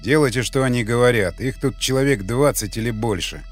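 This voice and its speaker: A man voicing a gruff, wary squad commander who gives curt orders. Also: mid-range voice, fairly quick, soft background music, natural voice. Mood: tense.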